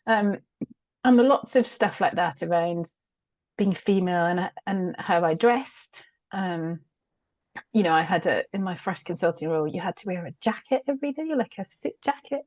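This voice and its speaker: With a fairly low, slightly mellow voice and an ordinary pace, a middle-aged British woman discusses her career in change consulting as an interview-show guest. Her conversational, candid reflections are peppered with laughs and fillers, and there's no room sound.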